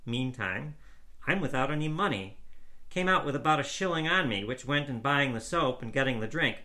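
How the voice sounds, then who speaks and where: An eager, aggrieved young man tells his tale of being stranded, as a male storyteller puts him on, pitched well above the reader's own voice. His tone is bright and ringing, and his words tumble out in a pleading rush. It is a storybook reading. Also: animated, moderate pace.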